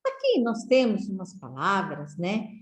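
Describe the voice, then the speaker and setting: A woman teaching children to read, sounding out letters and syllables slowly and checking in with "né?" and "certo?". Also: mid-range voice, wildly swooping pitch, echoey room. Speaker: literacy teacher. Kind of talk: slow, syllable-by-syllable reading lesson for children.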